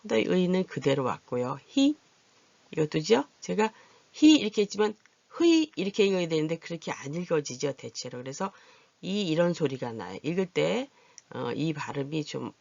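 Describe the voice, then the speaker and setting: A patient adult literacy teacher who slowly drills vowel pronunciation and repeats each word for learners to follow. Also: medium pitch, animated, vocal fry, darkish tone, no echo, highs cut off. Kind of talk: Korean vowel lesson.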